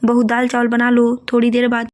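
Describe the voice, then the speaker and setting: A strict, controlling mother-in-law from a storybook tale, put on by a woman narrator. She talks in a scolding, bossy way, in a fairly high voice with little rise and fall. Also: completely flat delivery, a little fast, close to an everyday voice.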